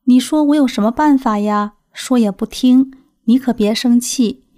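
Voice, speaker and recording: A woman's voice: on the high side, moderate pace, warm tone, lightly acted. A woman reading the lines of a worried elderly mother in a plain storytelling voice.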